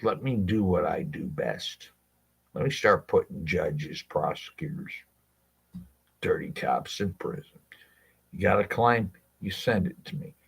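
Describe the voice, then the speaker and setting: A man's voice: deep voice, lively intonation, unhurried, creaky, slightly rough. A man, a legal rights advocate, speaking directly to his viewers in a blunt, impassioned monologue, swearing freely and asking rhetorical questions.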